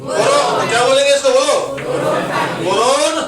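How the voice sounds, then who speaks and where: A man's voice: very high voice, unhurried. A man teaching a classroom, drilling mnemonics in a sing-song call-and-response way. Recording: echoey classroom from far off, loud crowd.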